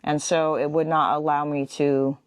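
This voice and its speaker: Animated, laughing woman vlogger. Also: deep voice, normal speed, clean tone, no echo, lo-fi sound. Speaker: RV travel vlog co-host. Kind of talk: casual travel chat.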